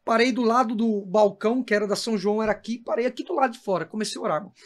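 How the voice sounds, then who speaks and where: Speaking very fast in a high voice, a Brazilian Portuguese-accented man, a missionary preacher, fervently shares his faith testimony and calls the listener brother.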